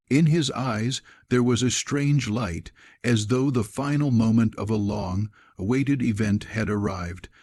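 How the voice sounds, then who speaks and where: Male storyteller, low voice, dry close sound, even and measured. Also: dry recording. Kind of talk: scripted narration.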